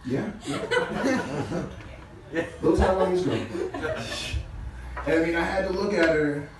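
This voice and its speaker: A male stand-up comedian performs a crude, loose set on a small comedy club stage, casually chuckling at his own jokes. The low-quality stream captures him from far off, with echo and noise.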